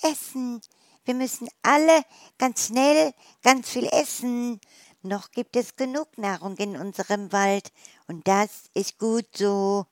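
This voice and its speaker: A storyteller voicing an excited little forest mouse in a storybook. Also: mid-range voice, slow pace, no echo, pitched above the performer's own voice. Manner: excited, urgent.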